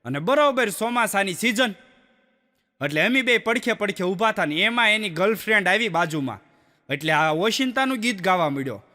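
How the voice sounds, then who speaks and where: A man's voice: high-pitched, animated, moderate pace, bright, forceful tone. A male stand-up comedian, telling folk jokes in a chatty way with acted quotes. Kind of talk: Gujarati folk comedy storytelling. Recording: long hall reverb.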